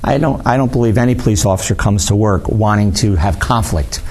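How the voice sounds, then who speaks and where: A middle-aged man from Albany talks in a somewhat low voice. He is a retired police sergeant in a casual interview, often restarting and repeating words as he goes. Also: brisk, a little mellow. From Albany, New York.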